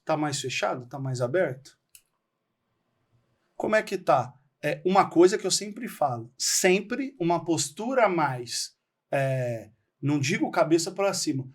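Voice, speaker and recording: A Brazilian man speaking as a guest on a podcast, explaining things in an animated way and acting out little bits of dialogue. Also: fairly high pitch. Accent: Brazilian Portuguese. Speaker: podcast guest, real estate trainer. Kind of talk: casual podcast conversation.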